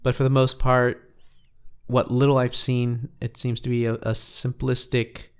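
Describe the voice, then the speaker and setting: A man's voice: mid-range voice, little pitch movement, a little slow, clear, resonant tone. A man from the United States co-hosting a podcast, chatting casually and often restarting as he searches for words. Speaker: podcast co-host. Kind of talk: casual chat.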